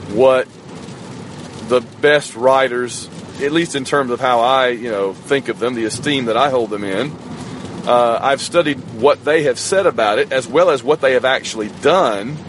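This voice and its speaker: A podcast host with a mid-range, fairly bright voice that's slightly hoarse rambles casually in a solo monologue during a long rainy drive, alone at the wheel. He's recording on a smartphone on the dashboard, and road and rain noise hum throughout the moving car.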